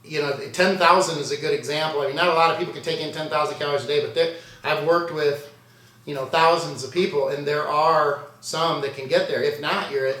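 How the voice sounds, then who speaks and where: A man working as a contest prep coach answers viewer questions in a candid, conversational way, poking fun at himself. His voice sits a little high. He talks from some distance off the mic in a roomy, echoing space. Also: fairly even intonation, fairly quick, bright, forceful tone. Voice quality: candid, conversational, self-deprecating. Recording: roomy sound from away from the mic.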